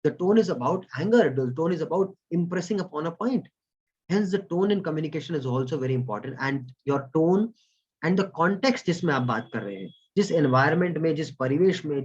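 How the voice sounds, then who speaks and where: A man's voice: on the high side, a little mellow, slightly rough, highs cut off. A man with an Indian accent running an online communication training, mixing Hindi and English and thanking chat participants by name. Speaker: corporate trainer. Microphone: video call.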